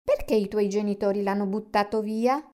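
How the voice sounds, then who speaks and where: A woman voicing a gentle, caring young female fox who speaks softly. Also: medium pitch, normal speed, natural voice. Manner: gentle, soft-spoken.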